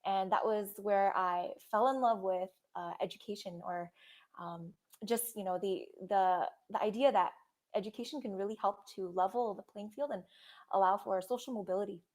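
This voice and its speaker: A woman's voice: mid-range voice, moderate pace, a little mellow. Friendly young woman. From Indonesia. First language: Indonesian. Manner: friendly, with frequent fillers and light laughter. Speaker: guest, startup founder. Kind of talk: casual interview conversation.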